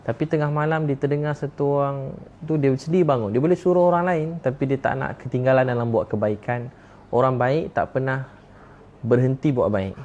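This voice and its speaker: Fast, fervent Malaysian preacher man. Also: medium pitch, fairly even intonation, a little mellow, dull audio, slight background noise. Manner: impassioned, repeats key phrases for emphasis. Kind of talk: sermon.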